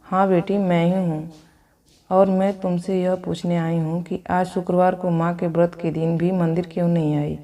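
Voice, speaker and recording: A woman's voice: on the low side, flat delivery, moderate pace, mellow, lightly acted. Woman reading as a kindly old temple mother. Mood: gentle, consoling. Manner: soothing, consoling advice.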